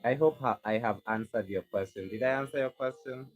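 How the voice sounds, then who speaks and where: A Kenyan rug maker chats casually on a livestream, answering viewer questions helpfully but in a rambling way, with lots of restarts. His voice is medium-pitched and fairly quick, with faint music in the background.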